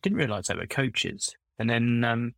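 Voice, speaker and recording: On a casual podcast, a middle-aged former recruiter turned coach rambles through stories and corrects himself as he goes. He speaks unhurriedly and expressively in a gravelly, slightly bright, medium-pitched voice, with no echo on a rough recording.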